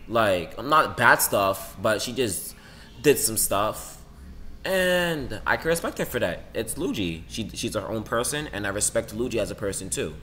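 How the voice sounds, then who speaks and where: A teenage boy in a casual, rambling monologue about his classmates, saying "like" constantly and swinging his pitch up and down. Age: teens. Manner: rambling, says "like" a lot, lively swings in pitch. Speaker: student vlogger.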